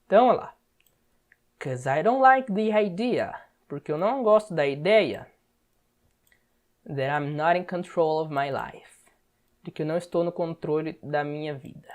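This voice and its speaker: A woman with a Brazilian Portuguese accent gives an English lesson. She explains word by word and keeps checking in with a quick "tá?". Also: sits low, animated. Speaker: English teacher. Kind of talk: step-by-step language lesson.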